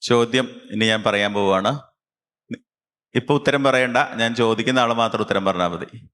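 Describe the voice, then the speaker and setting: Brief: male camp instructor, clear bright voice, slow guided instructions. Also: medium pitch. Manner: slow, calm instructions with long pauses. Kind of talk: guided concentration exercise.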